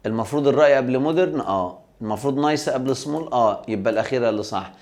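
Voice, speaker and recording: A man's voice: medium pitch, rapid-fire, darkish tone. Egyptian man teaching English grammar. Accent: Egyptian Arabic. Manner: explains step by step, answers his own rhetorical questions. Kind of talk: recorded grammar lesson.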